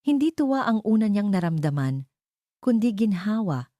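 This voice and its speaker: Narrating a dramatic, scripted tale as a storyteller, this Filipino-accented woman speaks at medium pitch and a normal speed. She is very animated yet mellow, and the studio-quality recording has no room sound.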